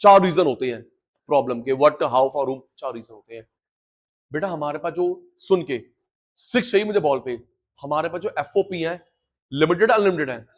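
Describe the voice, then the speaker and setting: High-voiced man drilling an economics class. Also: normal speed. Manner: energetic, drills students with call-and-response repetition; mixes Hindi and English terms. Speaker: economics teacher. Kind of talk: live class lecture.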